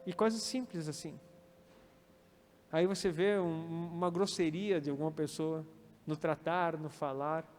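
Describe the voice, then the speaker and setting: A man's voice: a little high, fairly even intonation, unhurried, darkish tone. Brazilian guy preaching, pastor voice, quotes people and asks amen, big echoey hall. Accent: Brazilian Portuguese. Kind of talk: sermon. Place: church hall. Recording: reverberant hall with faint music.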